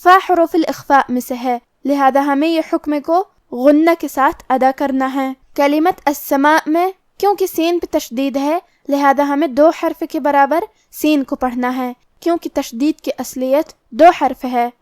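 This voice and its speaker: A woman teaching Quran recitation rules, explaining each letter and rule slowly and methodically. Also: high-pitched, dry recording, studio quality. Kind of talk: tajweed lesson explaining rules.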